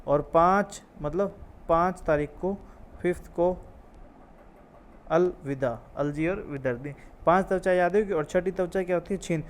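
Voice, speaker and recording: A man's voice: sits high, a little slow, slight background noise. A man teaching an ayurveda exam lesson, repeating key terms, drilling memory tricks and asking and answering his own questions. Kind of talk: classroom-style lecture with memory tricks.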